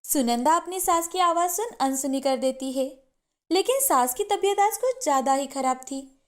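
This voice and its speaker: A woman giving a steady, expressive scripted narration of a cartoon story. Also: high voice, normal speed.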